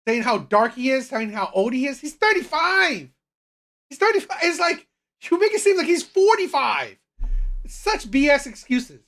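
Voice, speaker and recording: A woman giving unscripted opinion commentary in an emphatic, repetitive way with halting restarts. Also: high voice, big pitch swings. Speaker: reaction video commentator.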